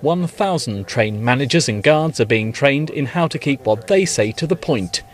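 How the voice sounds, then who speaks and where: A man's voice: medium pitch, lively intonation, normal speed. A man narrating a scripted news report as a reporter, with a wry delivery.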